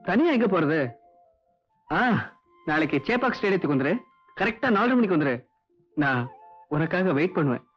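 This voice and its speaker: A devoted young lover in a 1980s Tamil film, his voice a little high as he teases with an edge of hurt. The recording is dull and lo-fi, with faint music behind. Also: sing-song, moderate pace, long pauses. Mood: tender. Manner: teasing, wounded, mixes English phrases. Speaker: film hero.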